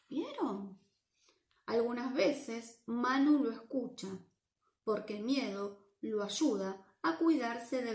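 A woman with a Rioplatense Spanish accent reads a picture book aloud to children, playful and lively, often asking them questions. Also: a little high, roomy sound. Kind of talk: animated read-aloud for children.

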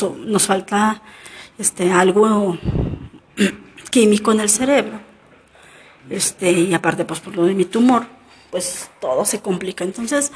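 A woman's voice: mid-range voice, slight background noise. A middle-aged woman, talking personally to viewers in a rambling way, full of fillers and restarts. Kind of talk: personal confessional talk to viewers.

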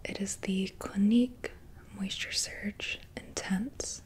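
Whispered role-play by a slow, soft-voiced spa woman. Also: mid-range voice, fairly even intonation. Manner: gentle, soothing spa attendant, slow and attentive. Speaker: ASMR host playing a spa beautician.

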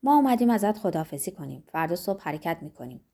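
A woman reading an audiobook, voicing a calm, friendly young man who speaks plainly. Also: lowish voice.

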